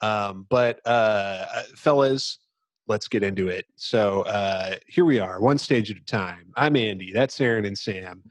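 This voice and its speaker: Speaking into a mic held close, this podcast host moves between casual conversation and dramatic book readings, keeping a presentational edge. He has a fairly low, slightly slow voice, and there's no echo.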